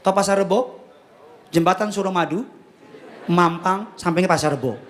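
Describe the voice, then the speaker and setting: Animated joking male preacher. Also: high-pitched, moderate pace, slight background noise. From Jakarta. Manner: joking, animated storytelling, often raising his voice. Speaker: pastor. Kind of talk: lively sermon to a congregation.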